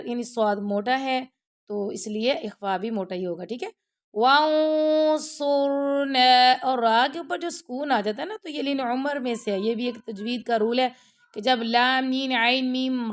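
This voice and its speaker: High-voiced woman teaching patiently. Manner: patient, step-by-step explanations, often checks understanding; mixes English words into explanations. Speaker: online Quran teacher. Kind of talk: tajweed lesson.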